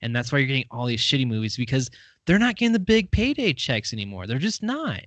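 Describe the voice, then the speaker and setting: A man's voice: medium pitch, sing-song, fast talker, fairly bright tone, dry recording. A man co-hosting a movie podcast in loose, rambling casual chat, full of fillers. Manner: rambling, lots of fillers and laughs. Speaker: podcast co-host.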